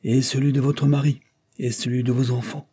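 Man doing a stern old count scolding, audiobook style, low husky dark voice. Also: steady tone, moderate pace. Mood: severe. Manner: stern, reproachful, lecturing. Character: stern older aristocratic male count, severe.

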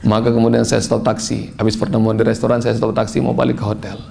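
A man giving a sermon, telling a story in an animated way and rising to high, emphatic tones when quoting. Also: quick pace, gravelly. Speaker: preacher.

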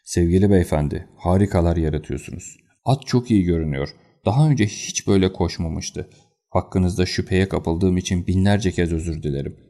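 Reading for an audiobook, a man with a low-sitting voice takes on the lines of a nervous, quick-tempered colonel. His delivery is agitated and excitable.

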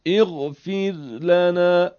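A man's voice: sits high, fairly even intonation, darkish tone, clear, resonant tone, dry recording. A man reciting short Quranic phrases in a melodic chant as examples for a lesson. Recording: dull, lo-fi dry recording.

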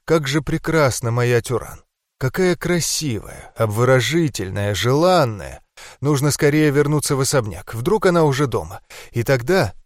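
A man's voice: medium pitch, lively intonation, moderate pace, dry recording, clean studio sound, close to an everyday voice. Man voicing a lovestruck spellbound mage. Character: spellbound male mage bodyguard, lovestruck and dreamy.

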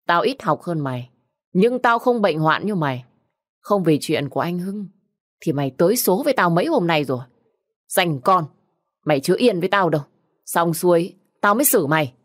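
A woman's voice: deep voice, no echo, clean studio sound. A woman voicing a fierce young widow who scolds and threatens sharply.

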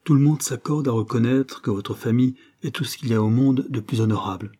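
A man voicing a gentle, tearful elderly noblewoman and grandmother in an audiobook, speaking with soft, earnest pleading. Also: medium pitch, brisk, close to an everyday voice. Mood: warm, insistent.

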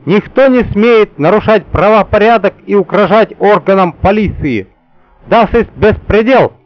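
Brief: male reader playing a pompous German ambassador, shouting drill-style, thick accent, raised voice. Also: high-pitched, measured pace, no echo, highs cut off, pitched above the performer's own voice. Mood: barking zeal. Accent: put-on German. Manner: barking, loud, parade-ground. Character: blustering German male ambassador, military zeal.

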